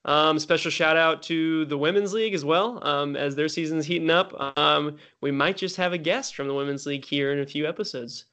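A young man hosting a podcast, chatting and joking in an upbeat way with quick asides. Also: a little high, bright, forceful tone. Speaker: podcast host. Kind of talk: casual chat.

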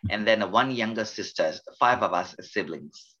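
Earnest older Malaysian-born pastor. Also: male voice, fairly low pitch, moderate pace, bright, forceful tone, lo-fi sound. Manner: earnest, reflective, with frequent restarts. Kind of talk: interview guest telling his life story.

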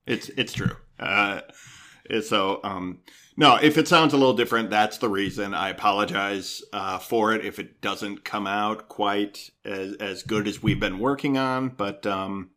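A man's voice: fairly low pitch, unhurried, sharp tone. A middle-aged man co-hosting a home podcast with his son, chatting casually and joking self-deprecatingly from the dining room table. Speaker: podcast co-host, the dad. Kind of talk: casual chat.

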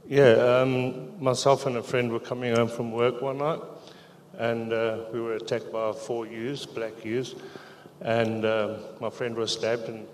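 Middle-aged man, hesitant, halting delivery, mid-pitched, echoey church sound. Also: flat delivery, slight background noise. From South Africa. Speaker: church member giving testimony. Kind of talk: personal testimony in church. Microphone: handheld microphone.

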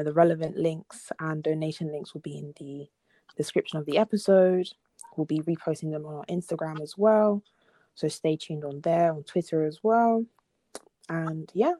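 A woman's voice: deep voice, dark tone, no echo. A young woman co-hosting a podcast, chatting casually and rambling with lots of fillers. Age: young adult. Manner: rambling, laid-back, with many fillers. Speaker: podcast co-host.

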